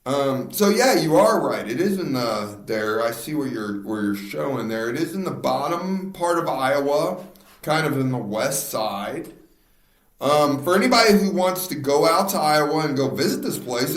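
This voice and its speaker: Slow, lively-voiced podcast host man. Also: fairly high pitch. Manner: laughs often, slips on words and restarts. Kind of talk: casual chat, reading a true crime story. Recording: echoey room.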